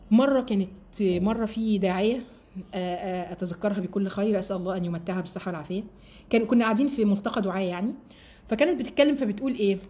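Fast-talking Egyptian woman advising. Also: mid-range voice. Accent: Egyptian Arabic. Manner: chatty, animated, addresses listeners as sisters. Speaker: religious advice speaker. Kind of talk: live-streamed advice talk. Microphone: live-stream mic.

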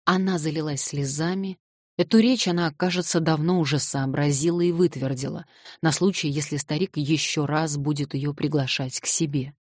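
A woman narrating a classic novel as an audiobook in a measured literary reading. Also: sits low, fairly even intonation, a little mellow, dry recording, clean studio sound. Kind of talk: scripted narration.

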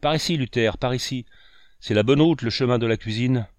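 A man reading aloud and voicing a loud, hearty old farmer talking to his son. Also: medium pitch, animated, normal speed, dry recording, studio quality, voice pushed up, natural voice. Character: gruff old farmer, the father.

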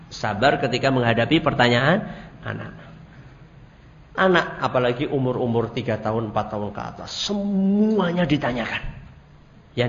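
A man giving a religious study lecture who often quizzes his audience with questions and tells lively stories. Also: medium pitch, slight background noise. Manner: animated storytelling. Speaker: religious teacher. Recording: echoey hall, dull lo-fi audio.

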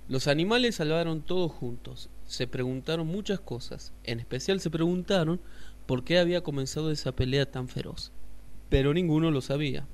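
A man's voice: on the high side, moderate pace. Man reading a children's story. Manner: lively, expressive reading.

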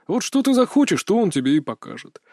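A man's voice: high voice, very animated, fast, dark tone, no room sound, clean studio sound, pitched above the performer's own voice, exaggerated voice. A man voicing a burly bearded older hunter who taunts and lectures in a sly, mocking way, read as an audiobook character. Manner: taunting, philosophizing.

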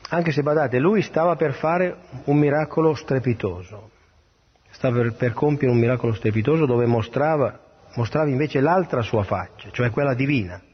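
A man's voice: mid-range voice, moderate pace, slightly rough. A man, a priest, reading the gospel and giving an earnest homily in a plain manner, with small restarts. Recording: dull lo-fi radio broadcast.

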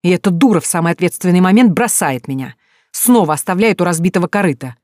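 A narrator voicing a furious, abusive grown man who spits contempt and shouts, in a storybook reading. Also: high-pitched, animated, fast talker, no room sound, studio quality. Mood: venomous rage.

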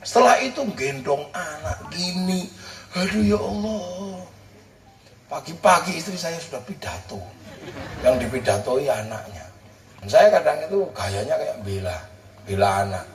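A male preacher, telling funny stories about family life in a lively, animated way. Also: a little slow, slight background noise. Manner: animated storytelling, jumps high when joking. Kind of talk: humorous religious talk. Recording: echoey, from far off the mic.

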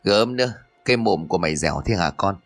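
A sharp-tongued middle-aged mother rattles off quick, nagging scolds, voiced by a man. The voice stays fairly low and plain. Soft music sits faintly behind this horror audio story. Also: expressive, dry recording. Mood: scolding.

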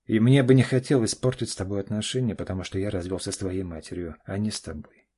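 A man's voice: lowish voice, fairly even intonation, fast talker, warm tone, husky. A man voicing a firm, self-assured middle-aged father in an audiobook, speaking curtly and clipped. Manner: curt and clipped. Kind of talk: audiobook character voice.

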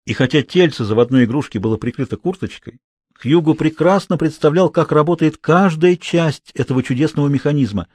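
A man narrating a children's audiobook in an expressive storytelling manner. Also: a little high, brisk, no echo, studio quality.

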